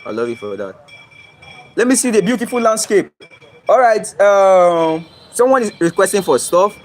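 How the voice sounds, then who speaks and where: Outdoors near home, a young Nigerian man streams live on his phone with the camera flipped toward his surroundings, speaking Nigerian English. Very animated and high-pitched at a moderate pace, he reads out viewer comments, replies to them and keeps asking "you understand?".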